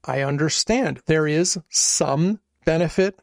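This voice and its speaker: Guy cohosting a chat show, kinda high voice, rambles and hedges a lot, dry close sound. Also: slow, gravelly, no echo. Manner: rambling, hedging, self-correcting. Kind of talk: casual chat.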